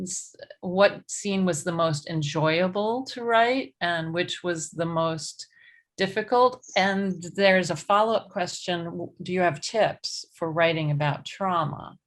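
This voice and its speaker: A middle-aged woman interviewing a guest, affirming and encouraging in a casual conversation. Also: lowish voice.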